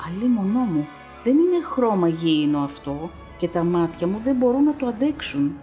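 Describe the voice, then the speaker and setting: A woman's voice: mid-range voice, big pitch swings, warm tone, close to an everyday voice. A woman voicing a frightened older male scholar who describes his visions in a trembling, fearful way, over faint music. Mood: terrified. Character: terrified old male scholar seeing visions.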